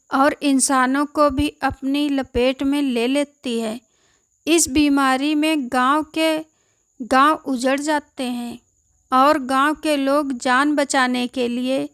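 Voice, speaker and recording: A woman's voice: high voice, a bit bright, clean tone, no room sound, exaggerated voice. A woman voicing a frail old village man left behind by his family, pleading and bewildered.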